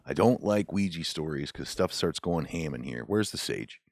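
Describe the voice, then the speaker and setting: Deep gravelly-voiced man hosting a podcast. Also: lively intonation, normal speed, a little mellow, no room sound, studio quality. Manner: laid-back, jokey, swears casually. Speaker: podcast host reading listener stories. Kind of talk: casual podcast chat and story reading.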